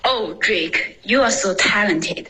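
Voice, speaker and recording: Woman, bright tone, slow careful reading, student drill lines. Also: mid-range voice, breathy edge, rough recording. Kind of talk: reading English drill sentences.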